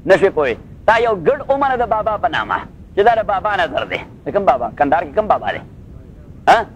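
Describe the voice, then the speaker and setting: A male Islamic scholar giving a Quran commentary class, reciting Arabic phrases slowly, then explaining them and checking with his listeners, with English phrases mixed in. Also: high-pitched, big pitch swings, highs cut off, slight background noise. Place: class in Los Angeles.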